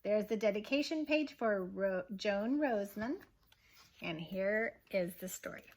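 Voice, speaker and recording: Animated and medium-pitched, a kindergarten teacher reads a picture book to young listeners with gentle expression. She pauses from time to time to ask them questions.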